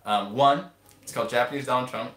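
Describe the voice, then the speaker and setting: A young man with a mid-range, fairly bright voice hosts a casual live stream a little fast. His talk is rambling and hesitant, packed with ums. The recording comes from a camera-mounted mic in a roomy home, with faint hiss.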